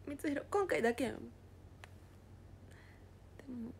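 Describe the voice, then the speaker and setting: A woman casually chatting on a livestream, reading viewer comments aloud and often dropping into a soft whisper. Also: high voice, animated, a little slow, creaky, slight background noise. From Japan.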